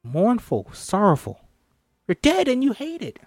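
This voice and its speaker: A theatrical, encouraging coach from a comedy script, acted by a man. The voice sits fairly high and swings expressively as it instructs, bossy and dry in sound. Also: wildly swooping pitch, measured pace, a little mellow, no room sound, soft background music, full character voice. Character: bossy, encouraging acting coach among zombie survivors.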